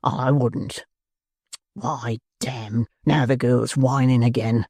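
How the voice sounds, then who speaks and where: A man's voice: mid-range voice, fairly even intonation, slow, darkish tone, no echo, studio quality. A man playing an ill, bad-tempered housebreaker who growls and snaps his lines curtly. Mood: savage. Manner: gruff, growling, curt. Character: sick, brutal middle-aged male housebreaker, savage temper.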